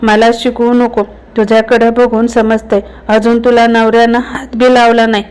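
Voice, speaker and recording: A woman's voice: a little high, little pitch movement, normal speed, a little mellow, clear, resonant tone, natural voice. Brief: a brash young village wastrel in a storybook, read by a woman, rustic speech. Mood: leering.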